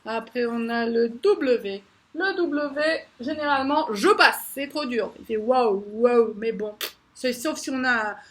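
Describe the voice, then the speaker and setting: A woman preschool teacher explaining letter sounds to parents, animated and repeating each sound slowly several times. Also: high-pitched.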